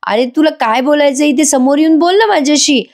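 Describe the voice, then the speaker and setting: A woman's voice: high voice, fairly quick, darkish tone, pitched above the performer's own voice. A woman voicing a middle-aged father who scolds his son for phoning him from inside the same house. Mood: chiding.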